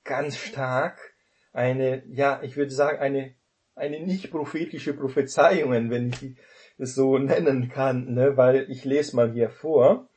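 A man's voice: mid-range voice, fairly even intonation, takes it slowly, darkish tone. A man giving an informal Bible study talk, explaining verses conversationally with many filler tags and restarts. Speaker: Bible teacher.

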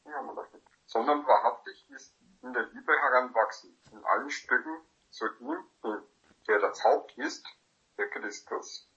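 A man in the congregation reading a Bible verse aloud in a gravelly voice, heard from far off over a remote line. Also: mid-range voice, a little slow, bright, forceful tone, lo-fi sound. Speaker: congregation member reading scripture.

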